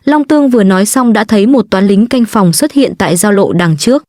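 A woman reading a story aloud in a steady, even narration. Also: mid-range voice, fairly quick, no echo, clean studio sound. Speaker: audiobook narrator.

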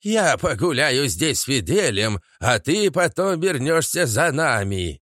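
A man voicing a fussy, stubborn old grandmother in an audiobook, with a drawn-out pleading lilt. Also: medium pitch, very animated, fairly bright tone, no echo, clean studio sound, voice pushed down.

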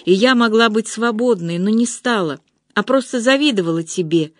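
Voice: mid-range voice, moderate pace, dry recording, studio quality, voice pushed up, lightly acted. A reader voicing a loyal young woman who pleads with and consoles a weeping friend in an audiobook. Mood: consoling. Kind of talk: audiobook reading.

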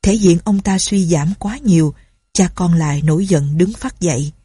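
A woman narrating a storybook in a steady, dramatic reading style. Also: fairly low pitch, moderate pace, slightly rough, no room sound, studio quality.

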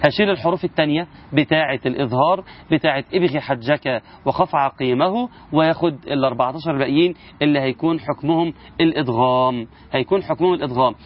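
Slightly high and fast, the man's voice comes through a muffled recording. He speaks with an Egyptian Arabic accent, casually teaching Quran recitation rules and asking listeners rhetorical questions.

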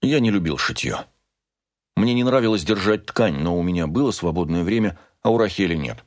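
A man reading a novel aloud in the first person, with measured, steady storytelling. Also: deep voice. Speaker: audiobook narrator.

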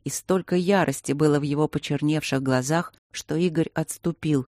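A man reading an audiobook in a steady, even scripted narration. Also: a little high, normal speed, dry recording, clean studio sound.

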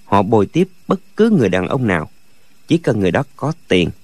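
Animated male audiobook narrator. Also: lowish voice, fairly quick. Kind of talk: storytelling narration.

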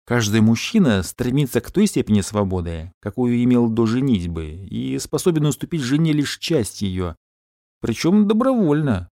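A man voicing a calm middle-aged father who speaks in a dry, monotone way. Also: mid-range voice, moderate pace, dry recording.

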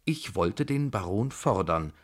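A low-voiced man plays a young house tutor who speaks quietly and politely, modest and even-tempered, in a radio reading. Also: normal speed.

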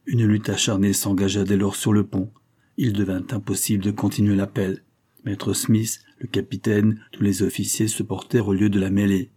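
Man, audiobook narrator, low voice, dark mellow tone, measured, dramatic. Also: level tone, slightly rough. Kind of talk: audiobook reading of a novel.

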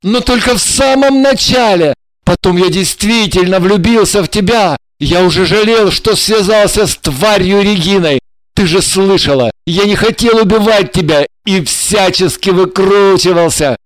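A woman's voice: mid-range voice, moderate pace, dry recording, natural voice, poor audio. Woman doing a desperate pleading husband voice, begging, urgent, dry sound.

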